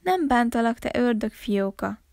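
A woman doing a grumbling old village man in a storybook reading, lonely and gruff, a gravelly edge, close dry sound with no room echo. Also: fairly high pitch, animated. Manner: grumbling, growls then softens.

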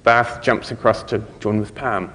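A man speaks in a fairly low voice, presenting a technical talk. His delivery is informal and halting, with thoughts left trailing. The sound carries the reverb of a lecture hall. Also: steady tone, a bit bright, slight background noise. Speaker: conference speaker. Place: conference lecture room, indoors.

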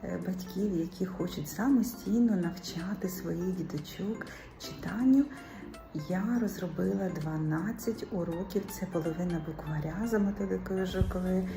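A woman's voice: lowish voice, normal speed, creaky, over music. A woman tutor teaching a child to read, patiently coaxing and drawing out each sound. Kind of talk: live reading lesson with a child.

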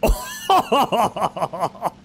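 A man narrates his flight-combat gameplay in a fairly high voice, laughing often as he goes. He talks at an easy, unhurried pace. Faint background noise sits under him. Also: very animated, fairly bright tone. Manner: giggly, breaks into frequent laughter. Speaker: gaming commentator. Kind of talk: gameplay commentary.

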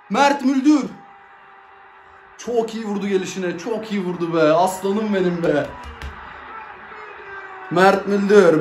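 A high-pitched man calls a football match live as he watches, jumping from yells to low grumbling in loose slang. He is in an echoey room with faint ambient noise behind him. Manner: excitable, swings between shouting and grumbling, casual slang. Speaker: football fan reacting to a match. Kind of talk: live match reaction commentary.

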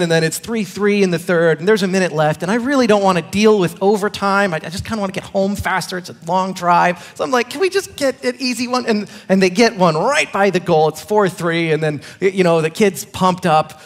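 A man in his thirties, a pastor, preaching a casual sermon in a church and talking in a joking, conversational way with restarts and small laughs. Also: high voice. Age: 30s. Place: church sanctuary. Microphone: clip-on microphone.

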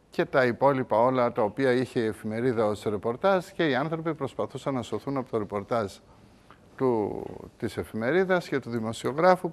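Male TV host with a mid-range voice, brisk and direct with his guests. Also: medium pitch. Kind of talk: talk show hosting. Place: TV studio.

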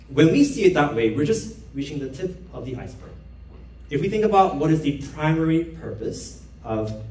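On a dark theater stage, a young man from Korea playfully addresses a live audience and puts questions to the crowd. His pitch is fairly high and his tone darkish, with slight background noise, captured as roomy stage sound from a distance.

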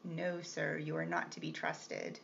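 A woman's voice: low-pitched, flat delivery, unhurried, creaky, fairly bright tone, full character voice. A woman reading the part of a composed young governess, polite but firm and restrained. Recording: slightly muffled with faint hiss.

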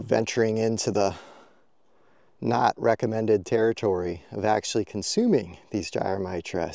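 A man hosting a forest foraging vlog, narrating his walk outdoors with relaxed, enthusiastic show-and-tell. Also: on the low side, creaky, dry recording, studio quality. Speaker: foraging vlogger.

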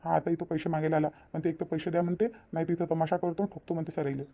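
A man's voice: a little high, flat delivery, very fast, mellow, natural voice. A man voicing a subdued elder brother in debt. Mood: ashamed.

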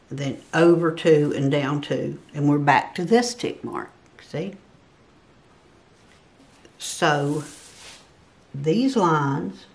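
An older woman teaching crafts works through a drawing tutorial step by step at an indoor table, counting the grid squares out loud with patience. Her voice is low and a little mellow.

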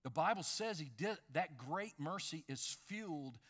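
A man in his fifties preaching a sermon on a large dark church stage, animated, swinging between loud emphasis and hushed lines. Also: on the high side, measured pace. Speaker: pastor.

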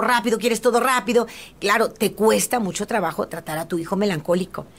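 A middle-aged Mexican-accented woman hosts a radio advice program. She counsels parents in a motherly tone and speaks straight to the mothers who are listening. Her pitch sits in an ordinary middle range for a woman. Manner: warm motherly counsel, addressing mothers directly. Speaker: radio host.

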